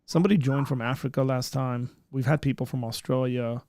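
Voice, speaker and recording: On his live birthday stream, the thirty-something host rambles casually, full of fillers and false starts, in front of a green screen. His medium-pitched voice is steady, fairly quick, and somewhat dark, captured dry at studio quality.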